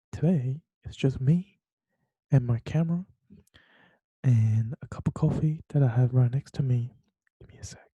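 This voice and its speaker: Speaking from his bedroom, this young podcast host from Taiwan delivers a late-night solo monologue full of hesitations, fillers and false starts. He has a warm, husky voice at a medium pitch. The audio is dry, dull and lo-fi.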